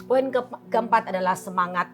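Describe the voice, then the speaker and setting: A woman's voice: mid-range voice, normal speed, music in the background. A woman pastor in her fifties with an Indonesian accent, giving an emphatic, preaching testimony on a TV talk show. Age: 50s. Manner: fervent, emphatic preaching, addresses listeners as saudara.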